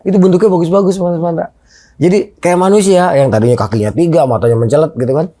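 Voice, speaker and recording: Middle-aged man, dark voice. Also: fairly high pitch, quick pace. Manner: animated, re-enacts dialogue in his story. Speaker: guest storyteller. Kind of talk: casual spoken anecdote.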